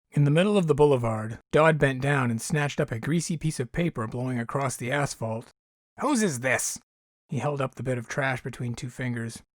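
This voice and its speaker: A man narrating his own short story as an audiobook, in a measured storytelling delivery. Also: medium pitch, no room sound, clean studio sound.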